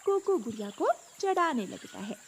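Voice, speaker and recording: A woman narrating a children's cartoon story in a clear, expressive way. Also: sits high, moderate pace, slight background noise.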